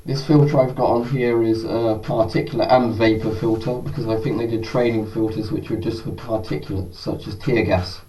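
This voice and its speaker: A man gives a casual product test commentary from inside a gas mask. His voice is muffled and dull, with little brightness. It sounds set back from the microphone, with a faint layer of noise. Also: lowish voice, steady tone, normal speed, few pauses. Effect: voice through a gas mask. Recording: distant mic, faint background noise.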